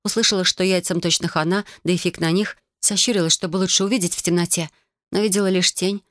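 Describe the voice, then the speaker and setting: A woman narrating a first-person fantasy audiobook in an expressive, emotional storytelling manner. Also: lowish voice, fast, no room sound, studio quality.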